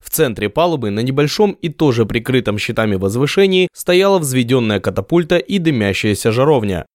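A man narrating an adventure novel in a measured storytelling voice. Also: mid-range voice, sing-song, no room sound, studio quality. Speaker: audiobook narrator. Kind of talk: scripted narration.

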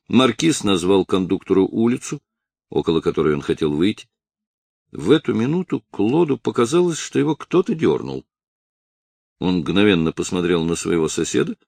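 Male audiobook narrator, gravelly, expressive, dry close mic. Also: sits low, no room sound. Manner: expressive storytelling. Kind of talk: scripted narration.

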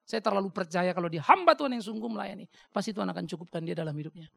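A middle-aged man, a pastor, answering a congregation question with blunt, lively stories and acted-out dialogue. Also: sits high, very fast, vocal fry. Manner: blunt, animated storytelling with mimicked dialogue. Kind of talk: sermon Q&A, anecdotal. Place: church hall.

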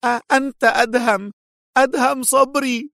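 A man voicing a nervous, cornered male agent who shouts in frantic, strained panic, pitched well above his own voice. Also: animated, moderate pace, no room sound, clean studio sound. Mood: terrified.

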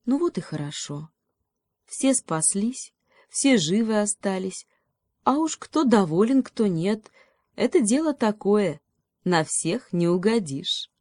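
A woman narrating fairy tales for an audiobook, in a gentle, unhurried storytelling manner. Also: medium pitch, big pitch swings, dry recording, studio quality. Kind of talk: fairy tale reading.

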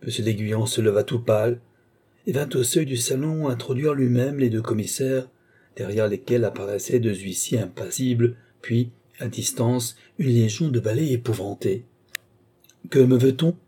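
A man narrating a classic novel as an audiobook in a measured, steady way. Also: medium pitch, slightly rough.

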